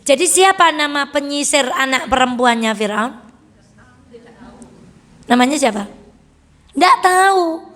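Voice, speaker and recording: A woman religious teacher with a Javanese accent, telling stories and asking her audience questions in a lively study talk. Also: high-pitched, a little slow, pauses often, long reverb tail. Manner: animated storytelling, asks the audience questions.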